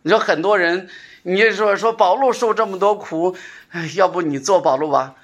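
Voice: medium pitch, normal speed, a bit bright. An earnest preacher delivers a sermon in a conversational tone. Phrases come back again and again for emphasis. Rhetorical questions and calls for the congregation to answer run through the talk.

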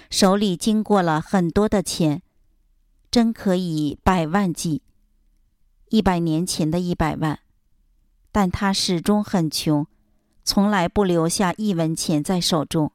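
A woman with a fairly low voice reads a religious life story aloud in a steady, solemn, measured way. The sound is dry and close, with no room echo. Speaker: narrator of a religious biography. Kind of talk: scripted reading narration.

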